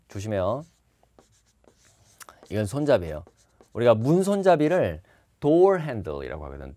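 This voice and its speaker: A male instructor gives a lecture facing the camera, with a very lively, swooping pitch. He repeats key words and leans on them hard, drilling each one in. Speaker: TOEIC instructor.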